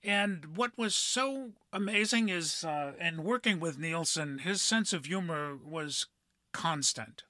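A middle-aged man hosting a podcast, telling a story in a measured way with frequent pauses and "uh" fillers. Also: a little high, expressive, pushed and bright, no echo. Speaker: podcast host. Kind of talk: storytelling monologue.

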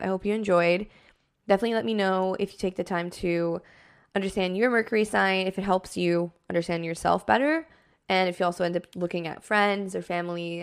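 A woman podcast host with a lowish, gravelly voice explains things casually and reassuringly, using lots of fillers like "like" and "kind of."

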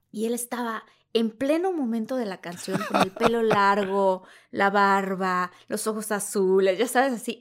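A woman with a Mexican Spanish accent, a guest telling an anecdote in an animated way. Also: medium pitch. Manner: animated, acts out the scenes. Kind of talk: storytelling anecdote.

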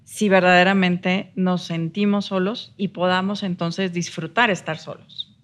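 A woman's voice: on the low side, fairly even intonation, unhurried. A woman co-hosting a podcast, explaining ideas reflectively and ending points with rhetorical tags. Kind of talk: casual podcast conversation.

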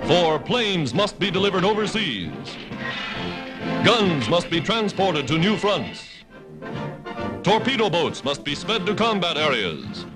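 A man announcing in an old wartime newsreel with an emphatic, booming delivery. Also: big pitch swings, a little slow, loud music behind the voice, low-quality recording. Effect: old newsreel recording.

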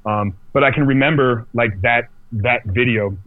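Halting man telling a story over a tinny line. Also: medium pitch, dry recording. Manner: halting, many restarts and fillers. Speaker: podcast guest. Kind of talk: casual personal storytelling. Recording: tinny phone-like dry sound.

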